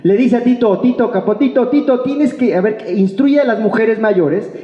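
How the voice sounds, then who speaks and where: A pastor whose voice sits high speaks at a moderate pace, preaching informally to a church congregation in a Mexican Spanish accent. He's playful and colloquial, acting out imagined remarks and posing rhetorical questions. Long reverb from the reverberant church hall makes the dull recording echo.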